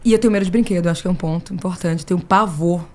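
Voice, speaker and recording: Lively Brazilian woman telling stories. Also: lowish voice, racing. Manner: lively storyteller, acting out dialogue with laughter. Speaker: podcast guest, entrepreneur. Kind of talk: casual chat.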